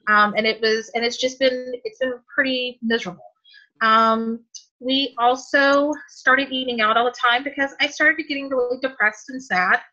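A woman's voice: sits high, steady tone, normal speed, sharp tone, highs cut off. A woman in her forties telling a personal story, emotional and hesitant, with many ums and restarts. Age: 40s. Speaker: guest sharing a testimonial. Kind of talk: personal story told on a call.

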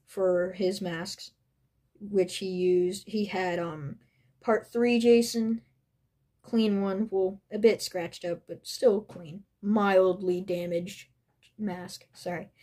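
Young female collector-vlogger, gushing and breathless, restarts sentences, slow and mellow delivery. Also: medium pitch, fairly even intonation. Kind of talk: excited unboxing vlog.

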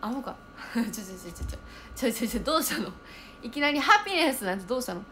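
A young woman chatting casually on a livestream, reading viewer comments aloud and thinking out loud as she reacts. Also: on the high side, sing-song, rapid-fire, a little hiss or hum.

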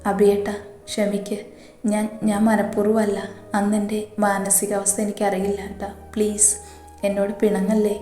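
A woman voicing a tearful young woman softly pleading with her brother. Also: medium pitch, monotone, fairly quick, creaky, few pauses, close to an everyday voice. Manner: soft, pleading. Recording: echoey room, faint music behind.

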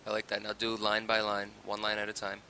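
A man's voice: on the low side, completely flat delivery, fairly quick, pushed and bright, clean tone, poor audio. A man directing a voice recording, giving direct, practical instructions in a casual way.

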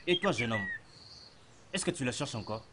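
A man's voice: medium pitch, expressive, moderate pace, very noisy, lightly acted. A man playing a blunt, suspicious village man. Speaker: villager questioned about a missing mother. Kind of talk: French dub of a film.

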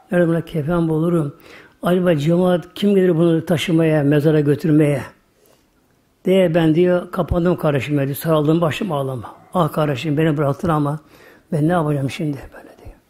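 Older guy preacher telling a story, kinda high voice but mellow, folksy, lots of hushed bits. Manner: folksy storyteller, repeats "böyle" often, drops to hushed asides. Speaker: religious teacher. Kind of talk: sermon storytelling.

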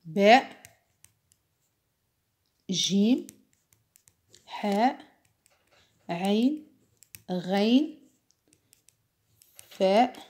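Slow, patient woman teacher. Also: mid-range voice, lively intonation, a little mellow. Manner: patient, repeats words and asks "understood?". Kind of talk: slow classroom explanation for children.

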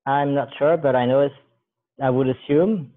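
The audio is thin and phone-like, carrying a medium-pitched male voice at normal speed. A guest in his thirties, he casually talks through a recipe, rambling and correcting himself in a relaxed way as his hands work. The casual cooking demo takes place indoors in a big, bare room with a counter.

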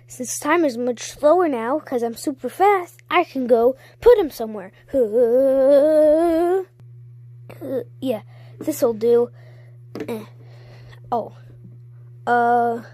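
A woman's voice: high voice, takes it slowly, long pauses, warm tone. A woman narrating a playful toy skit in a giggly, chatty way. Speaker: toy video creator.

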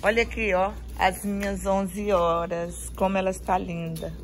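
A woman's voice: medium pitch, flat delivery, a little slow, a little hiss or hum, low-quality recording. A woman giving a casual garden tour for her vlog outdoors, gushing over each plant and repeating her praise as she films on a handheld phone. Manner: effusive, admiring, repeats praise often.

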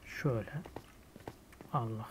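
A Turkish man hosting a casual gameplay video, thinking aloud as he builds and muttering quiet asides to himself. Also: lowish voice, slow, noisy background. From Turkey. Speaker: gaming YouTuber host.

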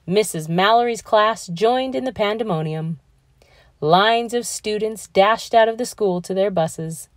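A woman reading a children's picture book aloud in a measured, expressive storytelling manner. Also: medium pitch, no room sound, studio quality. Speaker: read-aloud narrator.

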